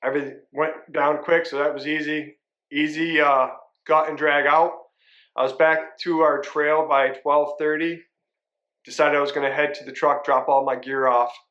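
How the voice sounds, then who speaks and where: A man hosting a vlog, telling a hunting story in a relaxed, rambling way. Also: on the high side, moderate pace, lo-fi sound. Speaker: vlog host and hunter. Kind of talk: casual vlog intro.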